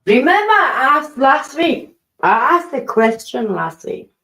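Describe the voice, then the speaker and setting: Woman, middle-aged, unhurried, chatty livestream talk, rambling. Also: sits high, sing-song, gravelly, pushed and bright. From Newcastle, England. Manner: rambling, chatty, answers viewers' comments aloud. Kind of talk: casual chat.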